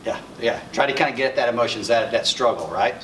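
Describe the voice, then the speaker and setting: Presenting at a conference, this middle-aged Arkansan instructor talks fast in a medium-pitched, somewhat bright voice with an Arkansas accent. His workshop style is conversational: he poses questions and echoes the replies. Faint room noise and a distant, roomy mic color the sound.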